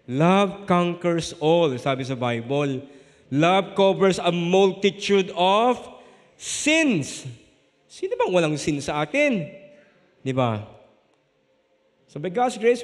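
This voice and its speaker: A middle-aged Filipino man preaching a sermon as a pastor, telling humorous stories and often checking with the congregation. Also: on the high side. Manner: humorous storytelling with frequent "no?" tags. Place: church sanctuary. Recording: echoey church hall.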